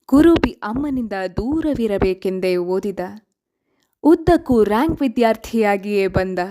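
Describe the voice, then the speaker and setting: A woman narrating a story in a measured, expressive way. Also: medium pitch.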